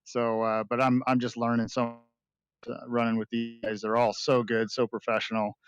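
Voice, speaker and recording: A male race driver giving a modest, good-humored post-race interview while a bit out of breath. His voice is smooth and resonant at a middle pitch, recorded dry and close. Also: flat delivery, moderate pace, no echo, highs cut off, soft background music.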